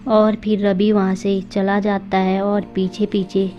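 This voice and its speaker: A woman reading scripted story narration in a plain, even storytelling voice, on a dull lo-fi track with faint music behind. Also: medium pitch, slow. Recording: dull lo-fi audio with soft music.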